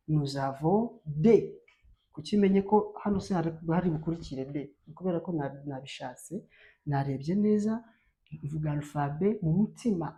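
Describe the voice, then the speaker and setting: A woman from Rwanda leads a beginner French lesson in a slow, deliberate way. Her voice is low and mellow, and she leans hard on each letter as she spells it out. She sounds like a patient teacher going over the basics. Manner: slow, emphatic, spells letters aloud with rising stress. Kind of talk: bilingual language lesson.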